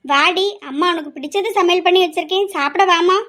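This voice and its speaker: A woman voicing a worried middle-aged mother who pleads slowly and sometimes scolds. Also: very high-pitched, bright, forceful tone. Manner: slow, pleading, scolding at times. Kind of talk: amateur family drama.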